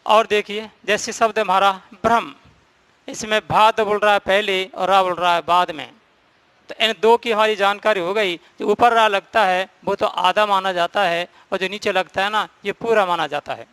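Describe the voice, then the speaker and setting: A man teaching a grammar class in a high, clear and crisp voice. He explains each rule step by step and stresses the key points, recorded close and dry with no room echo. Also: sharp tone. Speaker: Hindi teacher.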